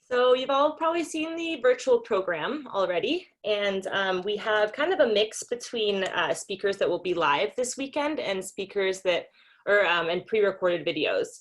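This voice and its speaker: A Danish woman raised in Singapore and the US welcomes attendees to a conference she's organizing and hosting, speaking over a video call through a computer mic. Her mid-range voice is animated and moderately paced, and her manner is casual, with many ums and small laughs.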